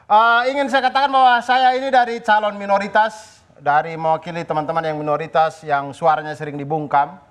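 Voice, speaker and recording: A man's voice: a little high, steady tone, a little fast, a bit bright, clean tone. A male comedian giving a mock-formal campaign speech in a staged debate.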